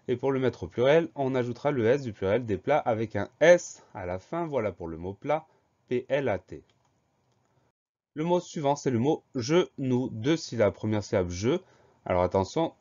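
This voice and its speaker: A man's voice: on the low side, a little mellow, highs cut off. Patient man spelling out French words. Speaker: teacher. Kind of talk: spelling dictation lesson.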